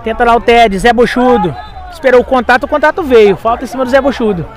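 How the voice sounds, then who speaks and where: A Brazilian man gives live play-by-play on a football match from an outdoor touchline. His voice is pitched very high for a man, and a faint crowd is audible behind him. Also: fast. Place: small outdoor grass football ground, at the touchline.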